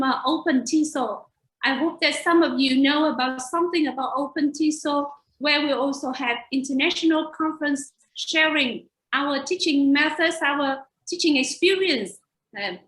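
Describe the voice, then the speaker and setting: A Vietnamese woman, a native speaker and teacher educator with a Vietnamese accent, gives an earnest webinar slide presentation over a video call. Her voice is high, a bit bright and a little slow. The recording is rough and reverberant.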